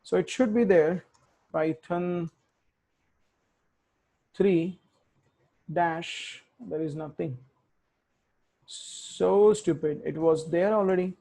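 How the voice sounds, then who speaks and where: A man's voice: on the high side, slow pace, vocal fry, pauses often, warm tone. Self-correcting man muttering through a tutorial. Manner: thinks aloud, self-correcting, mutters while typing. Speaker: tech instructor. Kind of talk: live coding tutorial.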